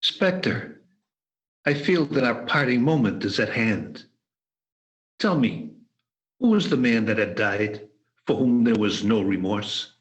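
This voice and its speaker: A man's voice: mid-range voice, animated, lo-fi sound. An amateur actor plays a miserly old man, Scrooge, repentant and pleading, in an amateur radio play performed over a video call. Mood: solemn. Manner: slow, earnest, pleading delivery.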